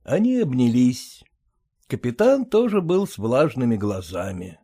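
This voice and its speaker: Man, audiobook narration, measured storytelling, lively intonation. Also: medium pitch, breathy edge.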